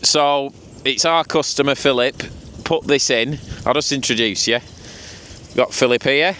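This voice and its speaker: A man's voice: medium pitch, a little slow, pushed and bright, slight background noise. A man with a Lancashire accent chatting casually and colloquially as the host of a trade vlog. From Lancashire, England. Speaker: channel host and heat pump installer.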